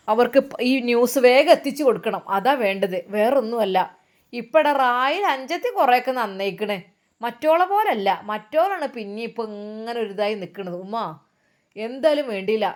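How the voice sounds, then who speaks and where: A woman's voice: a little high, voice pushed down, close to an everyday voice. A woman voicing a spiteful, scheming young adult son who talks slyly. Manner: sly, scheming.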